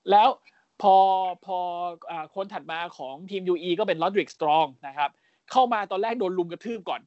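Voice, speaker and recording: A man co-hosting a casual podcast, recapping events as an animated storyteller, full of crude slang and mimicked voices. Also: sits high, a little slow, no echo, muffled recording. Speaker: podcast co-host.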